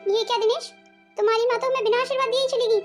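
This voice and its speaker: A young cartoon home-wrecker with a falsely sweet, coaxing manner , voiced by a woman. Her voice is extremely high and she talks briskly. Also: steady tone, soft background music. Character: young scheming other woman, sweet-talking. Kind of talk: cartoon soap voice acting.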